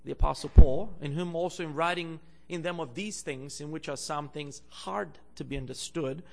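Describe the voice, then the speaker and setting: A young Bulgarian man, visiting as a guest preacher, delivers a sermon in a church, halting and filling gaps with many fillers, then growing louder when he reads scripture. His voice sits on the high side with some vocal fry.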